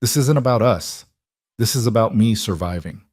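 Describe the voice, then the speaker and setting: A man's voice: on the low side, lively intonation, normal speed, darkish tone, slightly rough, no room sound, studio quality. A man reading as a worn-out young woman. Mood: weary. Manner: weary, strained, pleading for realism. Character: exhausted struggling young woman, twenty-nine.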